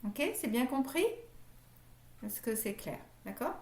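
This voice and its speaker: A woman leading a guided yoga meditation class, talking gently and checking in often with her students. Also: on the high side, expressive, unhurried. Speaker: yoga teacher. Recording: echoey room.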